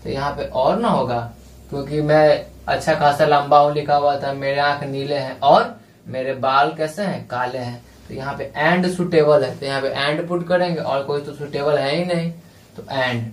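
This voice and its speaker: Male tutor, slightly high voice, echoey room recording, patient, careful delivery. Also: fairly even intonation, distant mic. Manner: slow, spells words letter by letter; reads English passage slowly, drawn out. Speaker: exam prep teacher. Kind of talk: explaining lesson in Hindi with English terms.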